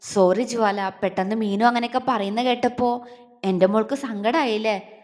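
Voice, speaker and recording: A woman voicing a warm young man who speaks softly and fondly. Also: fairly high pitch, fairly even intonation, moderate pace, close to an everyday voice. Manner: soft, fond. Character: warm young man, fond elder brother. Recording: long hall reverb.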